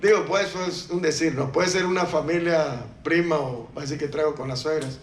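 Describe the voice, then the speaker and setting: Male preacher, high voice, chatty sermon delivery with questions to the pews, echoey church. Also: moderate pace, slight background noise. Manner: conversational, asks the congregation questions, jokes.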